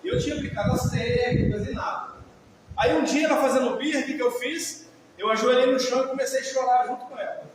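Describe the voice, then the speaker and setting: A man with a very high voice and a Brazilian Portuguese accent lectures a live audience, conversational and full of questions to the room. He is caught from far off in a big hall, with heavy echo, long reverb and a faint hiss underneath. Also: quick pace. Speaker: lecturer on emotional healing.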